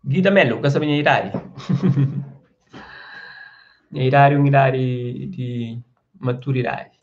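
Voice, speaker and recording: A man hosts a live stream and chats with viewers in a rambling way, restarting his sentences and checking that they follow him. His voice sits at an ordinary middle pitch. The stream audio is a little dull. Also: steady tone, measured pace, darkish tone. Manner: rambling, with restarts and frequent "você entende?". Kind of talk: casual live chat reading viewer comments.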